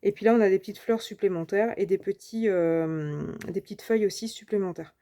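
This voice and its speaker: A woman with a mellow, warm voice talks through a casual unboxing of craft supplies. She is chatty and hesitant, often stopping mid-phrase to find the right word. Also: medium pitch. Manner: chatty and hesitant, often pausing to search for words. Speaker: crafting channel host. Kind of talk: casual unboxing and product review.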